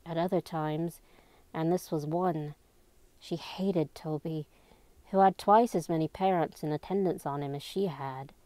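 A woman reads a novel aloud as an amateur narrator, steady and expressive. Her voice sits on the low side, and the recording is dry with no room sound. She voices the dialogue by going higher and slower. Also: no room sound. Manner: raises pitch and slows down for dialogue. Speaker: amateur audiobook reader.

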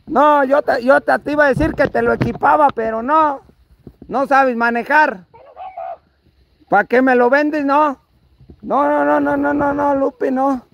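A man's voice: extremely high pitch, creaky, a bit bright, slight background noise. A man with a Mexican accent scolding someone in a comic one-sided argument, exasperated and repetitive. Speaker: vlogger.

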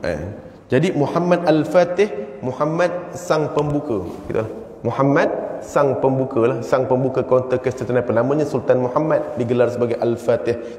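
A man's voice: mid-range voice, darkish tone. A man with a Malaysian Malay accent giving an evening religious lecture in a mosque, teaching in a chatty way and chanting short Quranic phrases to show pronunciation. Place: mosque hall. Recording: echoey mosque hall.

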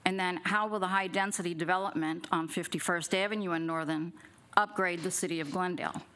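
During public comment in a city council chamber, a middle-aged woman addresses the podium gooseneck mic in a lowish, bright, forceful voice. She talks a little fast with fairly even intonation, firing off pointed questions partly read from notes.

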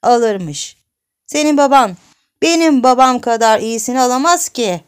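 A woman voicing a bratty little boy who brags and taunts in a high, childlike voice. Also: lively intonation, measured pace, clear, resonant tone. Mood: bragging. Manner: taunting, bragging.

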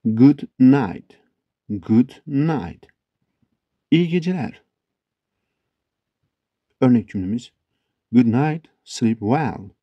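A man hosting an online English lesson. He reads example phrases slowly and repeats each one with care. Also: medium pitch, lively intonation, no echo, muffled recording. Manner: slow, deliberate, repeats example sentences. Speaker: English teacher, channel host.

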